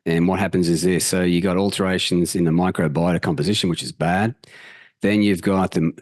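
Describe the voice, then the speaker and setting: A man presenting a health talk over slides in an energetic, casual way, with the odd swear word. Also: low-pitched, fairly quick, no echo. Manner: energetic, swears casually, mimics inner voices. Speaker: health channel host.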